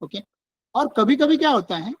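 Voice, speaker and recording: A man's voice: extremely high pitch, sing-song, normal speed, slightly rough, dry recording, low-quality recording. A man leading a relationship workshop. He explains things casually and keeps saying "look" and "okay". He uses everyday husband-and-wife examples, in an online session. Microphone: online session with screen sharing.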